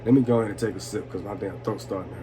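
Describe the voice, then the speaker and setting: A man's voice: fairly low pitch, rapid-fire. A man in his twenties telling personal stories in a casual, profane, slangy way, tipsy and rambling with chuckles. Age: 20s. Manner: slangy, repeats "you know what I'm saying". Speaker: storytelling vlogger. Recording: noisy room with steady background noise.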